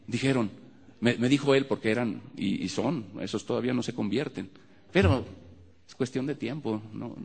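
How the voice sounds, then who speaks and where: A man's voice: mid-range voice, moderate pace, creaky, slightly rough. Male preacher telling a testimony in a reverberant hall. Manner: storytelling, repeats words, frequent fillers. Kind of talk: sermon testimony.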